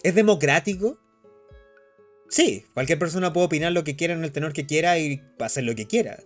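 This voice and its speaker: A man's voice: on the high side, fairly quick, faint music behind. A young man with a Chilean accent, chatting casually on a live stream and reading chat aloud. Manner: animated, slangy, reads chat aloud.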